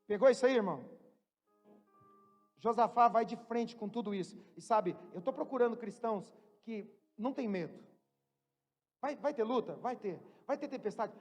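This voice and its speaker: High-voiced man preaching in an echoing church. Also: expressive, normal speed, pauses often. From Brazil. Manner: swings from loud preaching to quiet asides, jokes with the congregation. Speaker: pastor. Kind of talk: sermon. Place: church hall. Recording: long church reverb, faint music.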